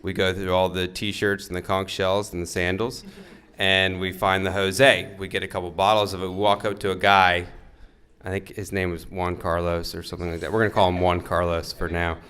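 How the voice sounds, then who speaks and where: A man's voice: sits low, moderate pace, smooth. A young man, the groom's brother, telling a funny story in a wedding toast and laughing along as he goes. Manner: animated storyteller who laughs through his lines.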